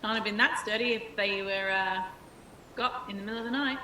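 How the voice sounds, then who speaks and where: A woman's voice: medium pitch, brisk, sharp tone, far from the mic. A woman improvising in a role-playing party game with a teasing, challenging manner. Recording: echoey, noisy, off mic.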